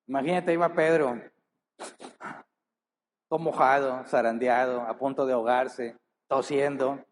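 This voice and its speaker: A pastor delivers a sermon in a medium-pitched voice with fairly even intonation, and a faint hiss or hum is audible. After reading scripture aloud, he earnestly leans into key words and presses the listeners with many rhetorical questions.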